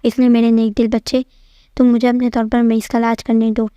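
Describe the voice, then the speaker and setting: A woman's voice: fairly high pitch, level tone, warm tone, no room sound, clean studio sound, natural voice. A woman voicing a bearded old male dwarf sage who lectures and scolds in proverbs, read as part of a storybook tale. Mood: lecturing. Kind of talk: storytelling narration.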